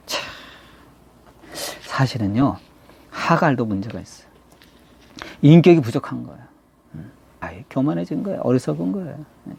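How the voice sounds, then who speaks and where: A man preaching a Sunday sermon as pastor, acting out the people in the story and dropping now and then to a hush. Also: mid-range voice, gravelly, breathy edge, dry recording. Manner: animated storytelling preacher who acts out quoted voices, swinging from loud to hushed.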